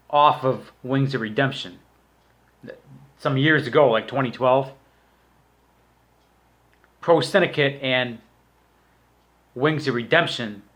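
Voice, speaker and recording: A man's voice: mid-range voice, a bit bright. A man giving a casual, rambling commentary rant as a vlogger, in a crude, scornful, swearing manner. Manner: crude, profanity-laden, scornful. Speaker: YouTube vlogger.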